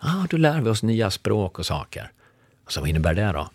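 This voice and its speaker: A middle-aged man telling a long anecdote in a relaxed chat, acting out the lines of the people in it. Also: on the low side, husky, no echo. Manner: animated anecdote teller acting out dialogue. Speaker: podcast guest. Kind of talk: storytelling in casual conversation.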